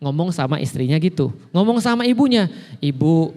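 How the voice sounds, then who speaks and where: A man's voice: high-pitched, brisk, big-room sound. A man preaching to a congregation in a casual, conversational way, asking and answering his own questions. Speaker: Islamic preacher. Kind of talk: casual religious talk to a congregation.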